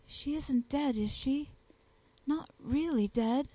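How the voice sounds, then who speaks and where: A woman's voice: sits high, slow, mellow, no room sound, pitched above the performer's own voice. A wild-eyed young woman who speaks in a strange, muffled voice, both coaxing and despairing, as a woman reads her in an audiobook. Her voice is slightly raised.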